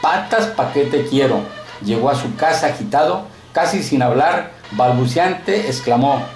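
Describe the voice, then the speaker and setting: A man reading a short story aloud in a steady, colloquial narrating manner, recorded in an echoey room. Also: medium pitch, unhurried, faint music behind.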